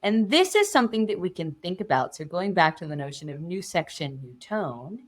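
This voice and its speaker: A woman coaching public speaking on a podcast, her slightly low voice sliding lively across a wide range. She talks in an expressive, animated way and changes her tone often. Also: a little fast.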